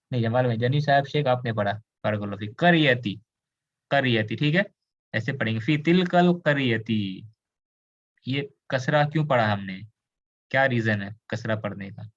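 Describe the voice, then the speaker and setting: Teaching Arabic grammar online, this man from India patiently explains, shifts into English and quizzes his students. He speaks at a medium pitch, and the audio sounds dull.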